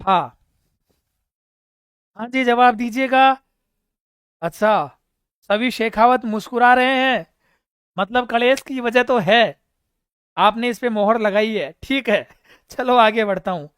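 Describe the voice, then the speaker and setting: A man's voice: very high voice, slow, pauses often, a bit bright, clean tone, no room sound, clean studio sound. Man teaching an online quiz class. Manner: quizzing students, reading out names and praising them; storytelling with humor. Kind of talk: live exam-prep class.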